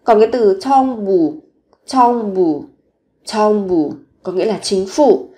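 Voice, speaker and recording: A woman gives a recorded Korean vocabulary lesson in a mid-pitched voice. She speaks slowly and patiently, saying each word several times. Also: warm tone. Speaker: Korean language teacher.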